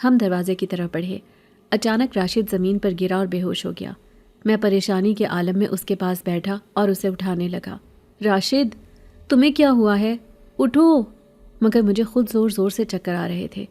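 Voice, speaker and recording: A woman telling a scripted horror story in steady, even narration. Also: mid-range voice, creaky.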